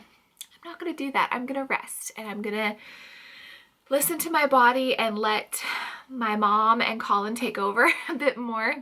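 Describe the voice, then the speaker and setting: A woman's voice: mid-range voice, sharp tone. A woman in her thirties from Canada, pregnant and audibly out of breath, chatting casually in a home vlog with lots of "um" fillers and light laughs. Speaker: vlogger.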